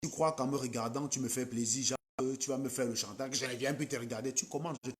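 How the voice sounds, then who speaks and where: Speaking quickly with a steady tone and medium pitch, a man with a Cameroonian French accent scolds commenters on his late-night live stream. He talks to his viewers in a combative, mocking manner.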